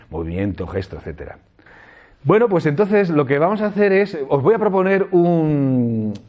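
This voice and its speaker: Man from Spain, lecturer, animated intonation, explanatory, dull lo-fi recording. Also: mid-range voice. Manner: explanatory, frequent tag questions. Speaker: teacher trainer. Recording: dull lo-fi audio.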